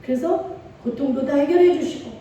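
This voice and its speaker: Heard from far off in an echoey church hall, a middle-aged woman pastor delivers an emotional, call-and-response sermon in the sanctuary. Her mellow voice sits high and moves at a moderate pace, with slight background noise.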